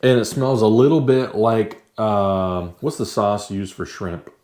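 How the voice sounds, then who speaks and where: Tasting new foods for a vlog, an American man chats casually and keeps talking as he eats. His lowish, darkish voice holds a steady tone at a measured pace.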